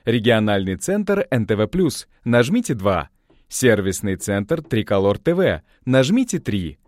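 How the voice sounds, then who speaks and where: A man reading recorded phone menu announcements in a slow, formal, evenly spaced way. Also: fairly low pitch, big pitch swings, darkish tone, no room sound, studio quality. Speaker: voice-over announcer.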